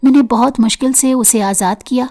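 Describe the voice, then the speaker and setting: Woman reading a young woman friend, hushed, quiet, storybook. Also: fairly high pitch, voice pushed up, close to an everyday voice.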